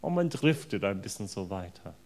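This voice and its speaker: A man preaching a sermon in an earnest, emphatic way, stressing words with sudden loud bursts. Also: deep voice, sing-song, normal speed, vocal fry.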